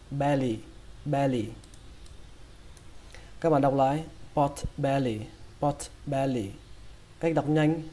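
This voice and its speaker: A man with a Vietnamese accent teaching English pronunciation, breaking each word into sounds and repeating it slowly. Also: mid-range voice, dark tone. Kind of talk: slow, drilled pronunciation lesson.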